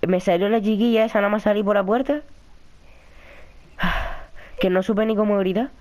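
A man with a Spain Spanish accent, commentating a horror game and chatting with viewers in a jumpy, excitable way. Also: high-pitched, moderate pace. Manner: jumpy, excitable, yelps and shrieks when startled; chatty, talks to viewers and a friend in the room. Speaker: gaming commentator. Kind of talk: horror let's-play commentary.

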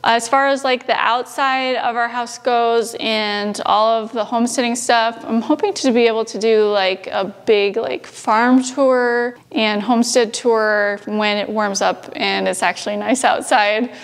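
A woman casually narrating a tour of her family's farmhouse, chatty and relaxed. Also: fairly high pitch, a little slow, few pauses. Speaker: homesteading vlogger.

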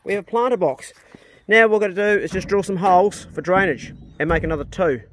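A man's voice: high voice, fast, fairly bright tone, slight background noise. A man with a broad New Zealand accent chatting casually for a DIY vlog in a blokey, matey way, recorded outdoors on a handheld phone. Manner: blokey, matey, laid-back swearing. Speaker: vlogger. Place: outdoors on a rural property.

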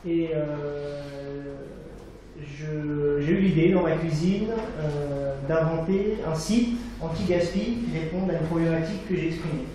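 A man's voice: a little high, fairly even intonation, measured pace, mellow. A man in his thirties gives a live startup demo on stage, conversational, with many fillers and frequent "d'accord?" check-ins. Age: 30s. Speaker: startup founder presenting a demo. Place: university event hall, on stage. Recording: echoey hall, somewhat far from the mic, faint room noise.

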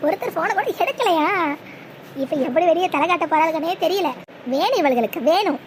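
A woman's voice: very high voice, lively intonation, a little fast, noisy background. A woman voicing a spiteful, scheming old grandmother in a cartoon, scornful and scolding. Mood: gloating.

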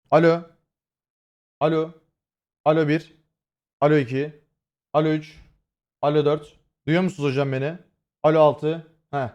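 A young man streaming live, talking casually to his viewers, swearing freely and rambling with many fillers. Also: a little high. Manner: swears freely and addresses chat directly. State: voice has been hoarse lately. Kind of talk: casual livestream chat.

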